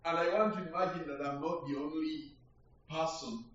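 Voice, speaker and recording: A man from Uganda preaching a sermon, slow and reflective, building in emphasis. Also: fairly high pitch, fairly bright tone, a little hiss or hum. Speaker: guest preacher. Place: church hall. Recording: echoey hall from far off, dull.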